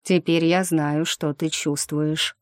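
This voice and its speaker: A woman voicing a soft-spoken wounded dragon-man. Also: sits low, level tone, takes it slowly, no room sound, clean studio sound. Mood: tender. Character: wounded male dragon-shifter, tender and calm.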